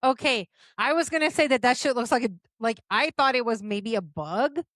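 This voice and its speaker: A woman co-hosting a podcast in casual chat, animated and quick to exclaim. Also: fairly high pitch, no room sound, clean studio sound. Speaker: podcast co-host.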